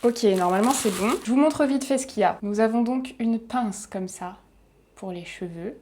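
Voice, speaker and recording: Excited young woman unboxing makeup. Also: fairly high pitch, moderate pace, slight background noise. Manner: excited, chatty, giggly asides. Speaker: beauty vlogger.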